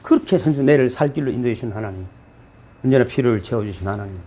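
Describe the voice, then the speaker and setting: A middle-aged man with a Gyeongsang Korean accent preaching a sermon as pastor, in a lively, folksy way with playful asides to the congregation. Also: mid-range voice, fast talker, a little hiss or hum. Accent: Gyeongsang Korean dialect.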